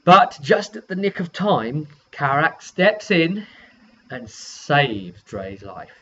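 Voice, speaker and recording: With a slightly bright, high-leaning voice that swings widely in pitch, a man slowly and ramblingly recounts a tabletop session he led as game master. He informally acts out the quoted lines. The recording is lo-fi and dull, with background noise.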